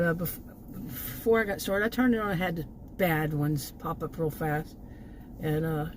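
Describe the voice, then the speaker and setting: Noise fills the background as a low-voiced woman from Texas rants in a rambling, casual vlog. She works food delivery gigs and sounds exasperated, laughing a little between her remarks.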